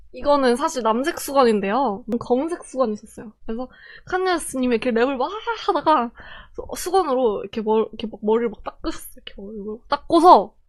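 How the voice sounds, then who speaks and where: A young Korean woman telling a personal story in a casual, animated way, acting out the quoted voices. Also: on the high side.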